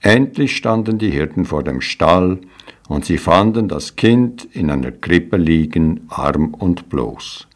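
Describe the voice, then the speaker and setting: A male storyteller reads a storybook aloud with calm, measured delivery. His voice is very deep. He takes his time over every line. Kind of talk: storybook reading.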